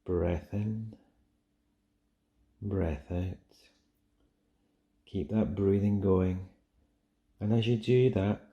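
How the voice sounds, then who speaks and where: A man guiding a relaxation meditation in a soft, soothing, gentle manner with long pauses. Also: low voice. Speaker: meditation guide. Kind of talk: guided relaxation meditation, soothing scripted narration.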